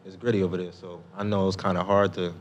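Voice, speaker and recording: Deep-voiced laid-back co-host guy. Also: little pitch movement, fast talker, muffled recording, slight background noise. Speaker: podcast co-host. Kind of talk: casual interview chat.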